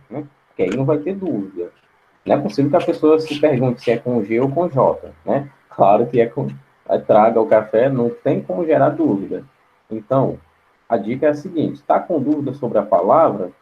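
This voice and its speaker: A man with a medium-pitched voice, recorded lo-fi, teaches an online class from Brazil. He walks through the material step by step, keeps asking "right?", and says words aloud to demonstrate their pronunciation.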